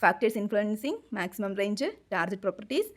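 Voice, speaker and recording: A woman's voice: medium pitch, lively intonation, very slow. A woman, teaching as an exam coach, reading a syllabus topic by topic, with technical terms in English and short remarks in Malayalam.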